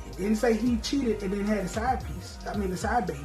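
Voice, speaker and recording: A podcast co-host on a casual chat show argues his opinions bluntly and profanely in a high-pitched, slightly fast voice. The recording sounds roomy, with faint music.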